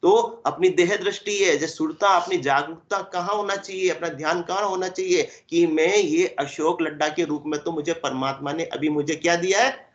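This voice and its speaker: A man giving a spiritual discourse, explaining by asking and answering his own questions and drawing out verse lines slowly. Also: fairly high pitch. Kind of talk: Hindi satsang discourse. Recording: dull lo-fi recording.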